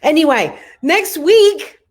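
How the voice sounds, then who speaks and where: A woman's voice: high voice, big pitch swings, slow. A woman hosting a live online show, gushing with thanks and cheerful sign-offs. She talks in an upbeat, effusive way. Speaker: host.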